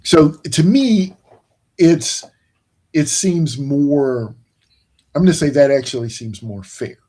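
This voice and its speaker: This male podcast host speaks at a fairly high pitch, warm and animated, in a relaxed sports conversation. Yawning and weary, he wanders, restarts often, leans on fillers, and drives each point home slowly.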